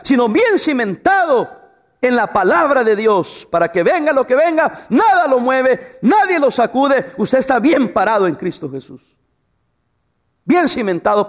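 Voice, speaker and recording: A man preaching a sermon, asking rhetorical questions and telling humorous stories about his wife. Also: extremely high pitch. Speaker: pastor.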